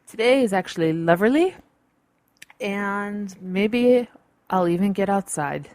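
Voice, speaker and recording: A woman hosting her own podcast, talking in a bubbly, chatty way with big jumps in pitch, recorded at home. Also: expressive, slow pace, a little mellow, no echo. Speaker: podcast host. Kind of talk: casual solo podcast talk. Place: home in the city. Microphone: studio mic recorded on a computer.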